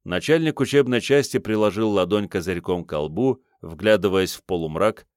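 Brief: male narrator, fantasy audiobook, steady and measured, low, dry close sound. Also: no room sound.

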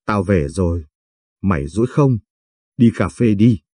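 Guarded young mother voiced by a man, short subdued lines, warm husky tone, audiobook. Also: low-pitched, animated, unhurried, no echo, studio quality, heavily acted.

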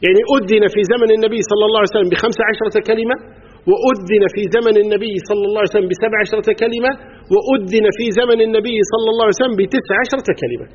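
Speaking very fast in a steady tone, a man with a Kuwaiti Arabic accent gives a live class a religious law lesson, stopping to quiz them and tally items aloud. His voice is high and somewhat husky. A long hall echo trails each phrase on the dull, lo-fi recording.

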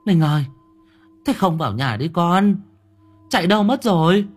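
A man's voice: fairly high pitch, very animated, moderate pace, breathy edge, voice pushed up. Man putting on a frail anxious old mother. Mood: calling out. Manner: pleading, calling out, stammering repeats. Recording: faint music underneath.

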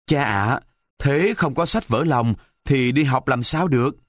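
A man's voice: measured pace, no echo, clean studio sound, lightly acted. A man doing a whiny little wooden puppet boy. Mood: earnest. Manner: high, whiny, childlike.

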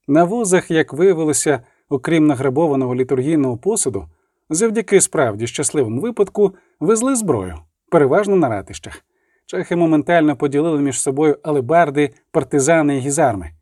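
A man narrating an audiobook in a measured, even storytelling manner. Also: a little high, no echo, clean studio sound.

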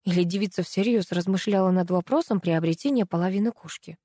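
A woman's voice: fairly low pitch, fast, dark tone, no room sound, studio quality. A woman narrating an audiobook in a wry, ironic storytelling manner.

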